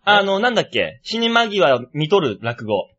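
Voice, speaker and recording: A man hosting a comedy talk show, chatting playfully and reading out news items with animated delivery. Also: sits high, moderate pace, lo-fi sound. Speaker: comedy podcast host.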